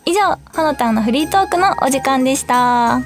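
Young female radio host, chatty and upbeat, slightly high pitch, faint music bed behind. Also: lively intonation, a little fast. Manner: chatty and bubbly, acting out quotes. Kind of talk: casual solo free talk.

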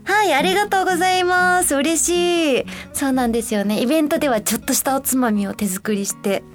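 A young woman from Osaka hosts a relaxed radio show in a high, light voice. She chats in a friendly way, drifting through soft fillers as she thinks aloud. Faint music plays quietly behind her. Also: brisk. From Osaka, Japan. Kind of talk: casual radio chat, reading listener letters.

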